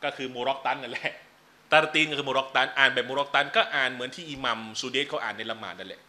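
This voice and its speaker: A man teaching a relaxed religious class, chatting with joking asides between numbered teaching points. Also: medium pitch, rapid-fire. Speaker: Islamic teacher. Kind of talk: casual religious lecture. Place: lecture venue.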